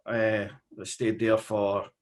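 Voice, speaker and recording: Scottish man, fifties, lowish voice, casual interview guest, halting delivery. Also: level tone. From Scotland. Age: 50s. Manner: hesitant, with frequent fillers.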